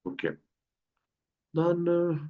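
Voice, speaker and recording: This German teacher has a high-pitched, very animated voice and draws out his words as he patiently quizzes students and repeats vocabulary. He teaches an online language class over a video call, and the audio sounds dull and lo-fi.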